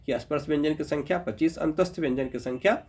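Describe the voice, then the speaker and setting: Brief: slightly high-voiced man, patient teacher, sounds out each letter slowly. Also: darkish tone. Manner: patient, repeats sounds slowly, checks in with "ठीक है"; addresses viewers as "Babu". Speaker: Hindi grammar teacher. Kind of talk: explanatory lesson.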